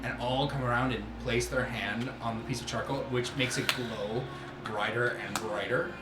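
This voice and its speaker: Narrating a tabletop game off the cuff, this game master speaks in a steady, mid-range voice at a moderate pace amid heavy background noise. He describes things conversationally and piecemeal, saying "like" a lot, and the roomy recording has music underneath.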